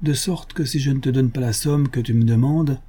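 A man playing a devoted older father who turns indignant and forceful when roused. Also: medium pitch, brisk, slightly rough, voice pushed up, lightly acted.

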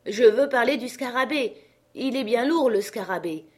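A high, loud voice for a jumpy old male servant up a tree, exclaiming and pleading by turns, as a woman reading a storybook puts him on. He sounds chatty and easily frightened. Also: lively intonation, normal speed.

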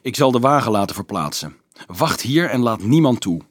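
A man's voice: medium pitch, lively intonation, normal speed, dry recording, studio quality, natural voice. A man reading an audiobook voices an earnest fifteen-year-old boy who speaks in an urgent, polite way.

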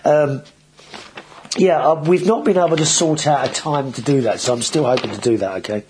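A man's voice: mid-range voice, normal speed, darkish tone, slight background noise, rough recording. A man hosting a casual video show, talking in a chatty, rambling way with frequent restarts. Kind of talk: casual vlog monologue.

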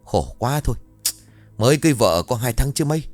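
A man's voice: medium pitch, very animated, a little mellow, no room sound, faint music behind, lightly acted. A man voicing a flustered village man who hurriedly tells of a drowning. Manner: hurried, breathless telling.

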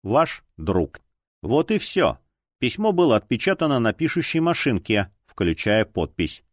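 This is scripted narration of a detective story by a man who works as an audiobook narrator. His pitch sits in the middle, his reading is measured yet expressive, and the studio sound is clean and dry.

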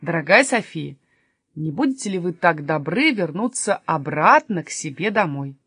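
A woman's voice: mid-range voice, very animated, moderate pace, dry recording, clean studio sound. A woman voicing a grumpy, stubborn male robber who grumbles and sulks. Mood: grumbling. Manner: grumbling, sulky. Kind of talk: storybook reading.

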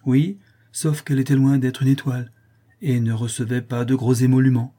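An earnest, anxious young woman who explains herself with care, as a male audiobook reader puts her on, pitched higher than his own voice. The tone is warm and dark, with a husky edge. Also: level tone, normal speed, close to an everyday voice. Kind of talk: audiobook character voice.

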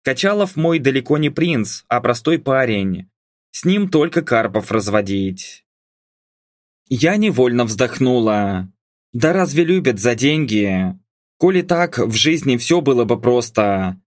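A man's voice: medium pitch, big pitch swings, measured pace, no room sound. A male audiobook narrator with a mid-range voice, reading a novel expressively. The recording is dry and close, with no room sound. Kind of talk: scripted narration.

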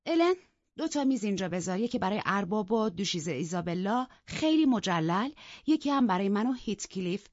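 An impulsive young mistress of a manor, eager and breathless, her husky voice lifting high and quick, as a woman narrator puts her on. The sound is dry and a little dull, like a lo-fi audiobook take. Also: big pitch swings, a little mellow, no room sound.

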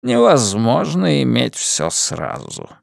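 A man voicing a frail, menacing old villain with a weak, rustling voice, speaking slowly and with cold politeness. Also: mid-range voice, wildly swooping pitch, creaky, no echo, studio quality, full character voice. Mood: cold menace. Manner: slow, measured, coldly polite.

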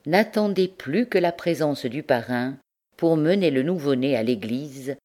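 A woman narrating a classic novel as a volunteer audiobook reader, with expressive storytelling. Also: low voice, unhurried.

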